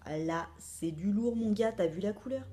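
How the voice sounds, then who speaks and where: A woman's voice: mid-range voice, normal speed, noisy background. A young woman vlogger chatting playfully while unboxing beauty products, joking and reading product labels aloud. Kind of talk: casual unboxing chat.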